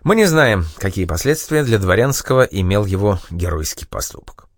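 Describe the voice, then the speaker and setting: A man reading a memoir aloud as an audiobook narrator, in a measured and expressive way. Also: on the low side, dry recording, clean studio sound.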